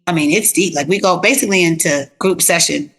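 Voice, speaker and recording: A woman therapist telling stories in a casual interview, animated and plain-spoken with easy slang. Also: lowish voice, a little fast, husky. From South Florida.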